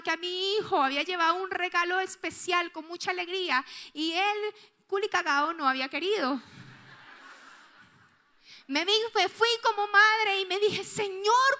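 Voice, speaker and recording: A woman pastor with a Colombian accent preaching a sermon, telling a personal story with strong emotion, moving from loud outbursts to hushed tones. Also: extremely high pitch. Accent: Colombian Spanish.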